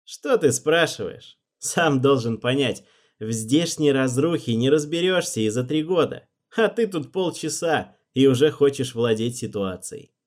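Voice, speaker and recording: A man's voice: mid-range voice, animated, unhurried, darkish tone, voice pushed up, close to an everyday voice. A man voicing Alvin, an icy schemer. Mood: cold, commanding. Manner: icy, mocking, commanding. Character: cold, ruthless young male schemer.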